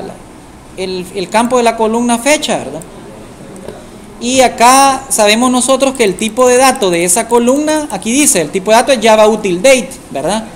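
A woman teaching software to a class, tagging nearly every phrase with a questioning aside, recorded in a classroom with students present. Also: on the high side. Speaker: programming teacher. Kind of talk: live classroom software tutorial. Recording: echoey room with faint background noise.

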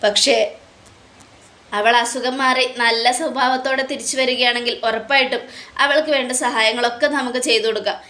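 A woman's voice: fairly high pitch, fairly even intonation, moderate pace, sharp tone, echoey room. A woman speaking as an earnest older family man. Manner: earnest and reasoning.

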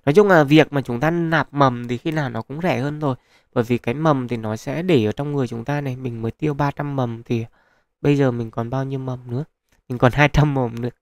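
Recorded dry on a close mic as a voice-over on screen capture, a man hosting a gaming channel walks viewers through a mobile game. His medium-pitched voice is fairly even and brisk, and his commentary is casual, chatty and full of fillers.

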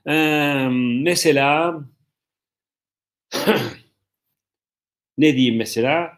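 A man teaching English in a live online lesson, explaining slowly, repeating himself and joking with viewers' questions. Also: fairly high pitch, fairly bright tone.

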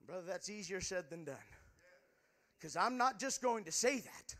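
A man's voice: sits high, expressive, moderate pace, a bit bright. A male preacher giving an impassioned sermon in a church, earnest and stammering over repeated words. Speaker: preacher, pastor.

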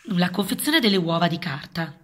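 A woman's voice: fairly low pitch, sing-song, moderate pace. A woman presenting a craft to children in simple words, coaxing them and often checking that they follow. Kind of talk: simple instruction addressed to children.

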